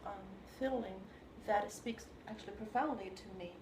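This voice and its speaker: Woman, composer being interviewed, reflective and halting, roomy echo, noisy background. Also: medium pitch. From China. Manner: thoughtful and halting, searching for words. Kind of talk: reflective conversation. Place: room in New York. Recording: roomy sound with steady background noise.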